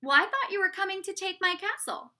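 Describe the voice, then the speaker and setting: A woman voicing a fierce male king in a children's picture book, shouting indignantly. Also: extremely high pitch, expressive, fairly quick, pitched above the performer's own voice, full character voice.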